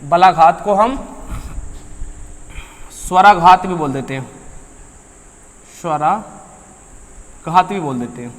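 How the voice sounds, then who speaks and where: Male teacher with a high voice lecturing a class and quizzing students as he goes, in a room with a long echo. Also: animated, slow, long pauses. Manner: asks students questions and answers them himself; addresses students as beta and bhaiya. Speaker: Hindi grammar teacher.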